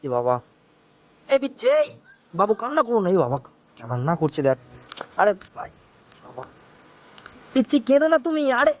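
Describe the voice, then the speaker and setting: A man vlogging in the street, gently coaxing and soothing a small child while making emotional asides to a friend. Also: high voice, wildly swooping pitch, normal speed, long pauses, lo-fi sound. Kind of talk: street vlog talking to a child. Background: music.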